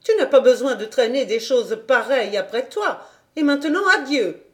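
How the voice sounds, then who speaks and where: A woman's voice: high voice, expressive, moderate pace, pitched above the performer's own voice. A woman voicing a strict, reproachful middle-aged governess in a storybook reading.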